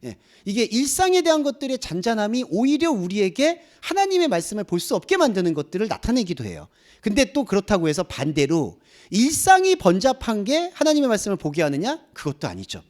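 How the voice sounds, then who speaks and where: A man's voice: sits high, huge pitch swings, a little fast, a little mellow. A man preaching a sermon as a pastor, asking the congregation rhetorical questions. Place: church.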